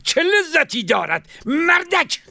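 An actor playing an anxious, short-tempered caliph who talks frantically and repeats himself in a storybook. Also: male voice, very high voice, sing-song, gravelly, sharp tone, dry recording, studio quality, full character voice. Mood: angry. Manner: frantic, insistent, repeats words. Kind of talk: storybook drama.

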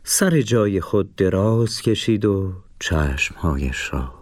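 A man narrating a children's story in an expressive storytelling manner. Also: deep voice, no room sound, studio quality.

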